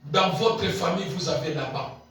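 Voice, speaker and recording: A man preaching a sermon as pastor, swinging between shouted peaks and low murmured asides and repeating key phrases. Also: moderate pace. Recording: very echoey hall, voice picked up from a distance.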